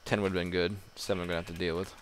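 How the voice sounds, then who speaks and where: This gamer has a low voice and a flat delivery but talks rapid-fire. His rambling, casual commentary on his play is self-deprecating with the odd curse, and the home mic recording is noisy.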